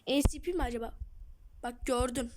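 A woman's voice: on the high side, fairly quick, darkish tone, a little hiss or hum. A woman hosting her gaming channel, jumpy and self-mocking, talking to herself through a horror game at home. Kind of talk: horror game let's play commentary.

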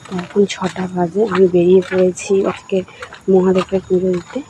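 A woman's voice: fairly low pitch, completely flat delivery, moderate pace. Woman vlogging on a noisy street. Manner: chatty running commentary while walking. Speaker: lifestyle vlogger. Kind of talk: casual vlog narration. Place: outdoors on streets and at a temple in light rain.

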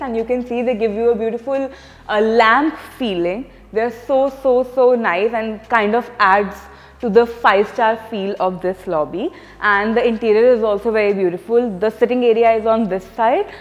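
A woman's voice: on the high side, a little mellow, lo-fi sound. A young woman presenting an upbeat walkthrough tour of a residential complex, speaking with enthusiastic, sales-minded energy on a lapel mic outdoors. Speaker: real estate presenter.

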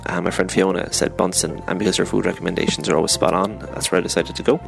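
A podcast host with a deep, heavily gravelly voice reads a sponsor ad casually, fast and flat, slipping in dry, self-mocking asides. He's at home in Waterford rather than the studio, recording on a phone dictaphone app, and music is clearly audible behind him.

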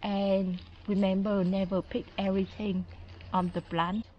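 A woman narrating a foraging vlog as a guide, speaking calmly in simple, non-native English. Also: mid-range voice, measured pace, muffled recording, a little hiss or hum. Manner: calm, simple instructive phrasing.

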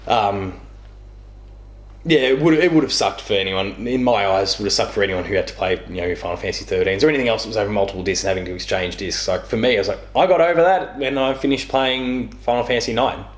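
This young man talks fast in a fairly low voice as he tells gaming stories, wandering off track and fixing his own words. He's an interview guest on a couch, and the small living room gives the recording an echo.

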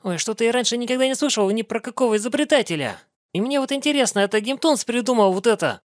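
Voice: mid-range voice, lively intonation, fast, background noise. A reaction show host giving casual, colloquial commentary in an incredulous manner. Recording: cartoon music behind the voice.

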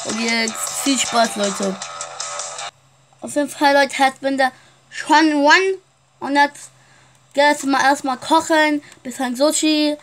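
A woman's voice: high-pitched, takes it slowly, long pauses, a bit bright, faint music behind. A woman playing a shopkeeper in a casual game roleplay, chatting straight to her viewers. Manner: chatty, keeps addressing viewers.

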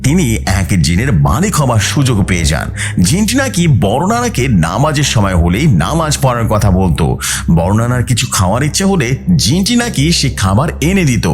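With soft music underneath, a man delivers scripted horror storytelling for his channel, building suspense and drawing out important words. His voice is mid-range, swings widely in pitch, and moves at normal speed.

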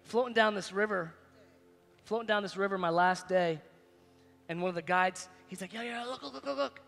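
A bright-voiced male pastor in his forties preaches from a church stage, pitching high and loud in one breath and dropping to a hush the next. His voice rings through a large hall with a long tail of reverb, and soft music sits underneath. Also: normal speed, vocal fry. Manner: animated, preaching with big swings in loudness and pitch. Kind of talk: sermon.

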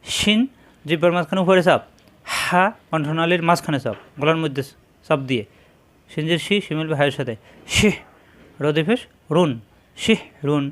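A man with a Bangladeshi Bengali accent teaching Arabic letters, sounding out each syllable slowly and repeating it in drills. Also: a little high. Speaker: Quran reading teacher. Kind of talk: slow spelled-out recitation lesson.

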